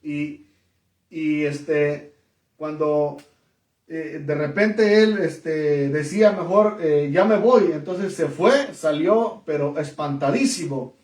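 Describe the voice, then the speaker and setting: A man's voice: fairly high pitch, slow, a little mellow, far from the mic. A man preaching and giving his testimony in an emphatic way, with many fillers and repeated words. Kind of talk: testimony sermon. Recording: echoey room, voice from off mic.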